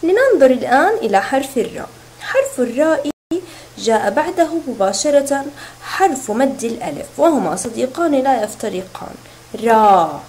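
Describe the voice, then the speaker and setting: A woman teaching a recorded reading lesson to young children, sounding out syllables slowly and clearly. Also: high voice, very animated, a little mellow, slight background noise, rough recording. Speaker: kindergarten teacher.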